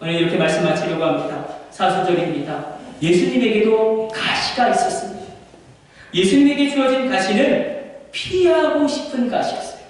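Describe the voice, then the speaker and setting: A man's voice: high-pitched, moderate pace. A male pastor preaching a sermon in a church, emphatic with dramatic sing-song rises. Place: church sanctuary. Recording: echoey church hall from far off.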